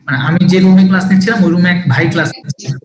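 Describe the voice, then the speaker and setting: A high-pitched male tutor lectures an online class and walks through each idea slowly, repeating the key terms. His voice rings out with a strong booming echo, like a cathedral, bouncing around a small closed room. A steady noise hisses underneath. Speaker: accounting tutor. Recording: very echoey room with background noise.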